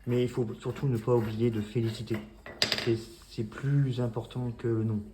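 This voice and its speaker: A man's voice: medium pitch, little pitch movement, moderate pace, reverberant, noisy background. A man, a dog breeder, talking casually to camera about his puppies, hesitant with many fillers and restarts.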